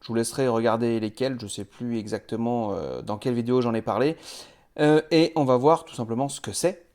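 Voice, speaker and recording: A man in his usual mid-range voice talks through a web tutorial as a trainer. He explains things step by step in a chatty way, often pausing on fillers. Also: mid-range voice, darkish tone. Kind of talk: casual video tutorial.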